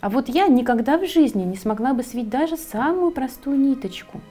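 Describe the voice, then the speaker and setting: A woman voicing a kind, caring female ladybug in a children's storybook, speaking in a warm, reassuring way. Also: sits high, animated, moderate pace, soft background music, voice pushed up.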